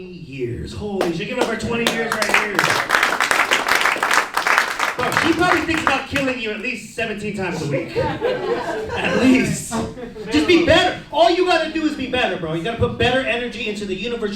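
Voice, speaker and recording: A young man with a very high voice does stand-up comedy on a club stage and shouts his way through the stories he acts out. His voice rings through an echoey room and sounds a little far from the mic. A crowd laughs and cheers behind him. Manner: loud, excitable storytelling, shouting acted-out quotes. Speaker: stand-up comedian hosting a veterans show.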